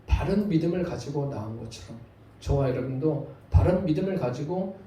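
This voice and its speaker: A man's voice: a little high, lively intonation, brisk, dark tone. A male pastor preaching a sermon in a church, asking the congregation rhetorical questions. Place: church sanctuary. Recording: very echoey church hall, voice from far off.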